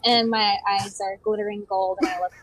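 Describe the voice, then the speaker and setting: A woman's voice: mid-range voice, level tone, a little fast, a bit bright. A woman playing a tabletop game, chatting casually and playfully as she describes her character's actions.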